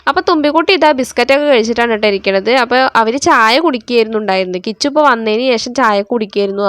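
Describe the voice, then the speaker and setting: The sound is clean and studio-like with no room sound as a young mother from Kerala, India, voice a little high, casually narrates her family's day for a vlog. She keeps ending sentences with "you know," and she's indoors close to a road with passing traffic.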